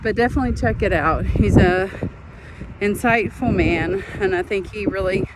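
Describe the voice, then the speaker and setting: A woman vlogger chats casually to her viewers on her phone while out on a walk near traffic, with outdoor traffic noise behind her. Her voice is medium-pitched and at a normal speed. She's chatty and self-deprecating, treating viewers like friends.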